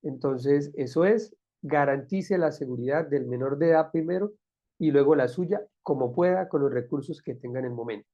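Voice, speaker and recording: Patient male instructor, mellow voice. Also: a little high, normal speed, highs cut off. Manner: patient, explanatory, repeats key phrases. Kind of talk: recorded lecture.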